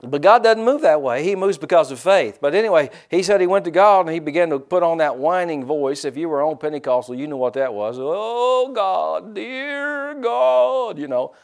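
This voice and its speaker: Animated folksy man preaching a sermon. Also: a little high, quick pace, few pauses. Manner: folksy, animated, acts out quotes, repeats "you know". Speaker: pastor.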